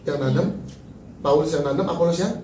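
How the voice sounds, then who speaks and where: A man preaching a sermon as pastor, animated and joking, then dropping to soft, tearful tones. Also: fairly high pitch, brisk, a little hiss or hum. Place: large church hall. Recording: echoey church hall from far off.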